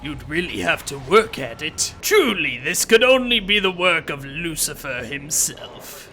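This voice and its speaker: A smug, self-important villain, as a man puts him on, sneers through his game commentary with hammy theatrical flair. His voice sits high and swoops widely between sarcastic lows and dramatic peaks. The tone is very bright and cutting. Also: big pitch swings, unhurried, faint music behind, heavily acted. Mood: sardonic. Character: pompous gloating male demon-scientist villain, self-important. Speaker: let's play host.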